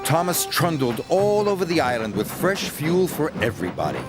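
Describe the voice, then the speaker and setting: A man narrating a children's storybook in an expressive, unhurried reading. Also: fairly high pitch. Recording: music playing behind.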